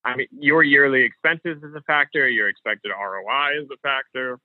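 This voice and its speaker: A man talks loosely as an interview guest, pausing and restarting his sentences often. His voice comes through a narrow, phone-like line with no room echo. The sound is thin and close. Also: mid-range voice. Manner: thinks aloud with frequent fillers and restarts. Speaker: guest, professional poker player. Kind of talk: casual interview conversation. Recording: dry, phone-like remote call audio.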